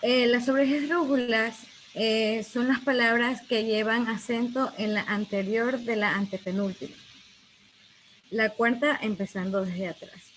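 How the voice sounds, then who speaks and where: A woman's voice: on the high side, steady tone, measured pace, fairly bright tone, low-quality recording. Young woman reading definitions, hesitant. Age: young adult. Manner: reads definitions with hesitant fillers. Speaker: student presenter. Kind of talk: class presentation. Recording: faint background noise.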